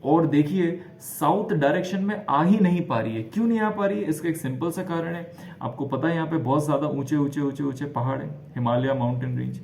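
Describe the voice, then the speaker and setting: A man teaching a geography lesson over a diagram, lively and repeating key names for students to remember, slipping English phrases into his talk. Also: a little high, fairly quick, vocal fry, echoey room, slight background noise.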